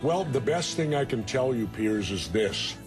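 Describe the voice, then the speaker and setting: A man's voice: medium pitch, lively intonation, a little slow, music in the background. A man in a heated TV debate, combative and interrupting, a former officeholder arguing his point.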